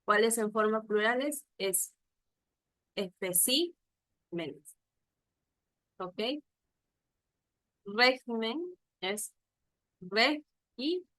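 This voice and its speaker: A woman's voice: a little high, slow pace, long pauses, a bit bright, no echo, poor audio. A woman teaching an online class, patiently repeating examples and checking whether her students follow.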